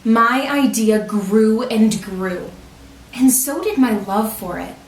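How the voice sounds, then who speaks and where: Female storybook reader, highish voice with lively melody, deliberate children's read-aloud delivery, recorded in a roomy space. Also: slight background noise. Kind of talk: read-aloud picture book narration. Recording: roomy echo, distant microphone.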